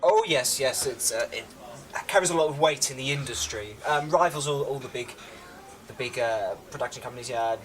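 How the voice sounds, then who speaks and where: A man's voice: medium pitch, brisk, a bit bright. English man, film-maker, mockumentary, pompous, boastful, hesitant, faint background hiss. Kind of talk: mockumentary comedy.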